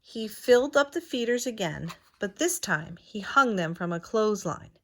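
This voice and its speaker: A woman reading a children's storybook aloud in a deliberate, expressive teacher's manner. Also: mid-range voice.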